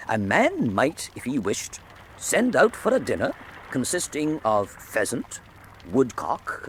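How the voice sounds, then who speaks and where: A man playing a genial, middle-aged Victorian doctor and old soldier, formal and measured in a radio drama. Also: fairly low pitch, a little hiss or hum. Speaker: narrator and character. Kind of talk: radio drama narration and dialogue.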